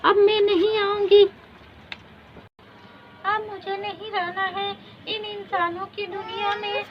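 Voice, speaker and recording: A woman's voice: very high-pitched, little pitch movement, a little slow, background noise. A woman voicing a meek, mistreated elder wife who pleads and laments. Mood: sorrowful. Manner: pleading, tearful. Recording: dull lo-fi recording.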